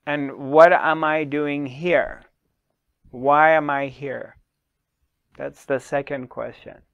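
Slow, smooth-voiced man teaching spirituality. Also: fairly high pitch, fairly even intonation, fairly bright tone, no room sound, dull audio. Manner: slow, measured, with long pauses and repeated questions. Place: small dark studio, indoors. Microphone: lapel mic.

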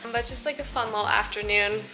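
A young woman in her twenties with a slightly raspy voice, chatting casually to camera in her apartment kitchen, full of "like" and "um". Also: mid-range voice, a little fast, over loud music, rough recording. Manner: chatty, relaxed, lots of "like" and "um". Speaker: vlogger. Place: small apartment kitchen, indoors.

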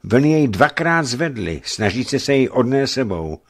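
A man reading a novel aloud for radio with expressive storytelling narration. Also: medium pitch. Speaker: reader.

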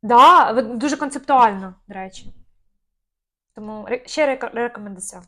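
A woman's voice: fairly high pitch, normal speed, a bit bright. A young woman co-hosting a casual chat, talking easily with lots of fillers and small hesitations. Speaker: podcast co-host.

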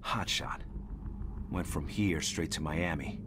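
An actor playing a terse police detective in video game dialogue, speaking in short, clipped lines. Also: male voice, a bass voice, slow, heavy background noise. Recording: game audio under loud music.

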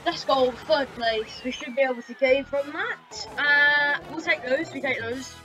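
A gaming channel host plays a racing game, chatting casually and exclaiming as she concentrates. Her high-pitched voice is slightly scratchy from a sore throat, and she speaks at a measured pace. Loud game music and engine sounds play underneath.

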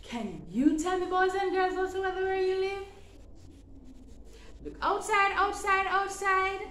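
A middle-aged woman teaching small children like a kids show host, in an animated sing-song manner full of questions and repetition. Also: very high-pitched, a little slow. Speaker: preschool teacher. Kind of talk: children's class lesson with chanting and songs. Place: indoor classroom in front of a display board. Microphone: camera a few steps away. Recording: echoey room with background noise.

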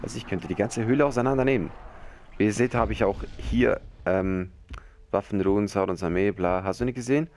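A man giving casual let's-play commentary, excitable and rambling and now and then swearing. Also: fairly low pitch, a little fast. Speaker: gamer. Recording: noisy game capture.

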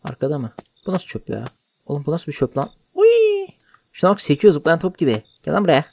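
A man's voice: on the high side, lively intonation, fast talker, vocal fry, darkish tone, husky. A man giving joking, mock-outraged let's play commentary while translating game dialogue aloud. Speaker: gaming YouTuber.

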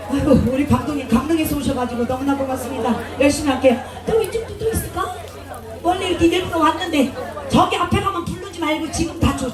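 A woman stage performer joking with a live audience and thanking them over and over, speaking through a stage microphone at an outdoor festival. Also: high-pitched. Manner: joking, chatty, effusive thanks. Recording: echoey PA sound, taped from far off, crowd noise.

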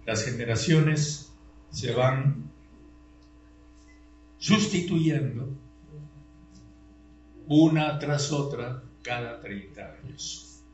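Slow older man lecturing. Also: mid-range voice, a little mellow. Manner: slow, deliberate, with rhetorical questions and emphatic rises. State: tired. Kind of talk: classroom lecture. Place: classroom. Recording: roomy, dull sound with faint hum.

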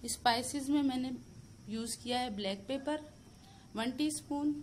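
A woman with a Pakistani Urdu accent, hosting a cooking channel, calmly talking through each step of a recipe in a voice-over. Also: sits high, measured pace, slight background noise. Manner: steady step-by-step instructions mixed with English words.

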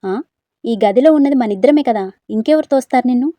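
Irritable young man in a storybook, curt and scolding, read by a woman, mellow tone. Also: fairly high pitch, fairly quick, no echo, close to an everyday voice. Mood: irritated.

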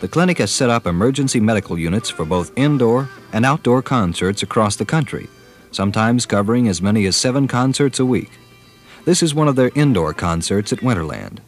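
Low-voiced male documentary narrator. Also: animated, soft background music. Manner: measured, formal. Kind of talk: scripted narration.

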